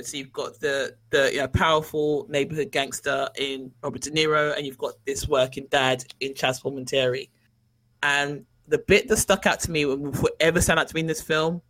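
A man, co-hosting a casual film chat and retelling scenes in an animated way. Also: a little high, low-quality recording. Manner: animated storytelling, acts out quoted lines. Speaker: podcast co-host.

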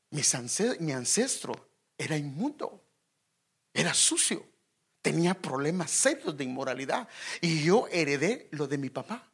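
A preacher slipping into the voice of a blind man who pleads and confesses, dropping lower and quieter than the sermon around him. The tone stays husky, and the delivery is heavy and earnest.

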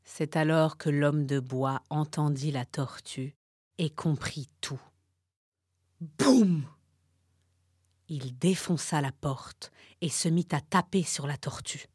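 A woman narrating a children's story in a slow, expressive way. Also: deep voice, no room sound, studio quality.

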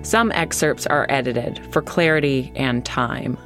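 An American woman hosting and narrating a scripted true-crime podcast in a measured storytelling way with deliberate pauses. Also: rumbling low, a bit bright, soft background music.

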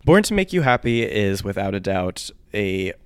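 A man's voice: lowish voice, big pitch swings, clean tone, no room sound. A man in his thirties, a podcast co-host, chatting casually and poking fun at himself. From United States. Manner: chatty, self-mocking, quick asides. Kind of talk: casual chat.

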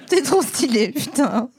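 Playful high-voiced woman podcast host. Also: darkish tone. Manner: playful, swearing, theatrical. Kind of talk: casual chat.

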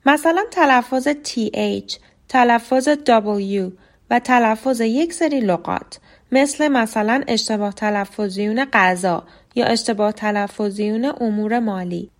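A woman hosting a podcast lesson, explaining English pronunciation in a clear, scripted way and slowing down to model example words. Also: a little high. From Iran.

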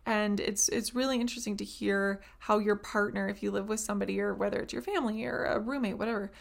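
A woman's voice: medium pitch, steady tone, fast, gravelly. A woman hosting a casual monologue podcast, chatty and rambling, with lots of "like". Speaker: podcast host.

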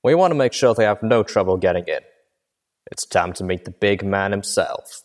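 Brief: smug crime boss stallion, calm and menacing, low voice, a man playing him. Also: moderate pace, natural voice.

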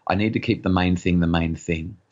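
A man's voice: steady tone, brisk, darkish tone, muffled recording. A middle-aged man, a parenting expert, talking earnestly as a podcast guest and often repeating words as he starts sentences. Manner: acts out harried parent voices in higher pitch. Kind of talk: podcast interview conversation.

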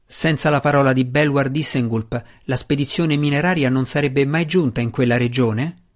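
A man voicing an earnest, wry dark elf warrior, speaking in a pressing, slightly raised voice. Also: mid-range voice, moderate pace, close to an everyday voice.

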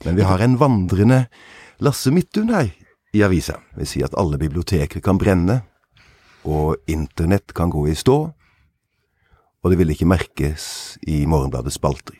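A man with a low, raspy voice hosts a podcast conversationally. He is wordy and playfully formal, recorded dry and close. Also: very animated, warm tone, dry recording. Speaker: podcast host.

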